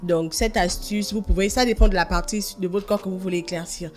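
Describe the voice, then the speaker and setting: A woman's voice: mid-range voice, fairly even intonation, a little mellow, faint music behind. Woman sharing beauty tips on radio. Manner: laughs easily, halting explanations with fillers. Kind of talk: radio chat explaining a tip. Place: radio studio.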